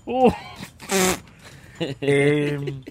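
A man's voice: on the high side, lively intonation, drawn-out words, faint music behind. A man with a Rioplatense Spanish accent hosting a radio show, running a guessing game in casual banter and swearing when he gets stuck.

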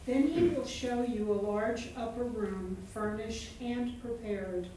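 A woman in a Bible study group reading a scripture passage aloud in a steady, even way. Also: fairly high pitch, slow, slight background noise. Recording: distant voice in an echoey room.

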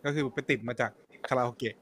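A man who is a podcast guest, explaining things step by step in a relaxed, casual chat. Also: quick pace, over a noisy crowd.

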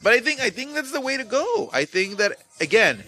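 Bright-voiced joking man host. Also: very high voice, very animated, a little fast, breathy edge, faint music behind. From Mexico. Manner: laughing, joking, repeats himself. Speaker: podcast host. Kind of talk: casual chat.

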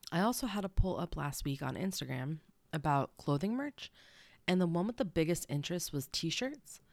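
A young woman chats her way through a solo podcast, wandering into asides as she goes. Her voice sits low and sounds stuffed up. The sound is dry, with no room around it. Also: expressive, moderate pace, gravelly, a little mellow, no echo. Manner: rambling, chatty asides. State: stuffy nose. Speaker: podcast host. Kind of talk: casual solo podcast chat.

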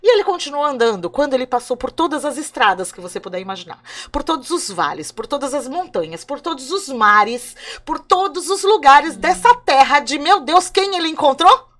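A woman storyteller with a high voice narrates a folk tale with expressive energy. She draws her listeners in, playful and animated. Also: a little fast, hardly any pauses. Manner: expressive, lively, drawing in listeners. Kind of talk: oral storytelling.

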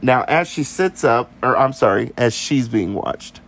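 A man with a gravelly, middle-pitched voice tells a haunted-house story in a loose, chatty podcast way. He keeps things playful and now and then breaks into goofy put-on voices for the people in the tale. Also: lively intonation, a little slow, fairly bright tone. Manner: playful, drops into silly voices for quoted people. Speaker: podcast co-host.

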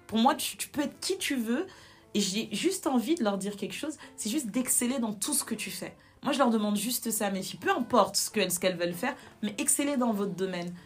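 Speaking in a husky, fairly high voice, a young woman gives an open, personal interview. Earnest at first, she grows lively as she tells her story, repeating words to stress them.

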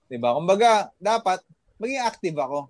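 Speaking a little fast in a sing-song way, this Filipino man's voice sits high, captured in a dry recording. He's a fitness trainer abroad, guesting on a podcast with casual, motivational chatter full of fillers and tag questions.

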